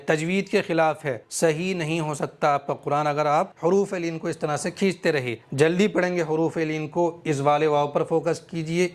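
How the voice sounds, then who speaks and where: A male Quran reading teacher with a Pakistani Urdu accent, slowly spelling out syllables in a drill and then explaining the rules patiently. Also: fairly high pitch.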